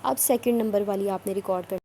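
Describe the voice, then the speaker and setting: A woman's voice: mid-range voice, brisk, warm tone, slight background noise. A woman explaining step by step how to record and share audio files in a tutorial, repeating herself and sometimes scolding. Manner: repetitive, instructive, a bit scolding. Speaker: online work trainer.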